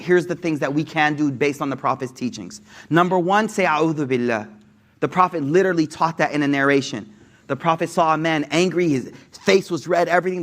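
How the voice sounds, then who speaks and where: A young man giving a casual religious talk to an audience, energetic and conversational, with slang and restarts. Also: on the high side. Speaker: Islamic speaker.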